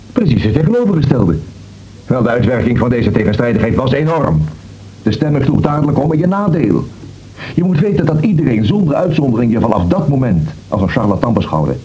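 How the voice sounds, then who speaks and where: An actor playing an earnest friend who reasons with a doubter and warns him, in a radio drama. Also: male voice, medium pitch, mellow, natural voice, rough recording. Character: earnest man warning his doubting friend.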